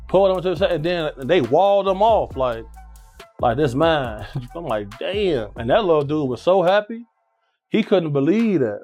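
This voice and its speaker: A man casually telling an animated anecdote, acting out what people said. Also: fairly high pitch, normal speed, faint music behind. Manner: animated storytelling, acts out quotes.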